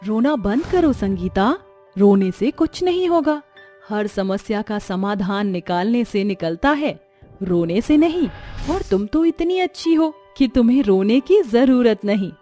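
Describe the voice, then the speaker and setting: A woman voicing a benevolent goddess who speaks in a slow, measured, reassuring way, over faint music. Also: a little high, expressive, mellow.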